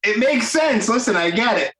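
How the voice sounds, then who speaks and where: A man's voice: high-pitched, lively intonation, moderate pace, reverberant, heavy background noise. A man with a Brooklyn accent hosting a podcast interview, chatty and enthusiastic in casual talk. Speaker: podcast host.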